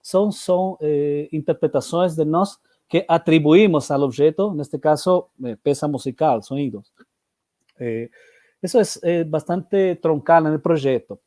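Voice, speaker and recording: Higher-pitched man presenting in Spanish-accented portunhol. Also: dark tone, no echo, clean studio sound. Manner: hesitant, halting delivery mixing Portuguese with Spanish words. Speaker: academic presenter. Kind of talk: seminar presentation.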